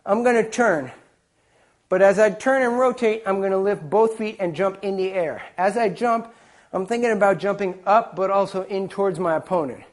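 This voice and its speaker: A man whose voice sits high walks through a martial arts technique at normal speed, teaching in short phrases one step at a time. He's a taekwondo instructor presenting a demonstration.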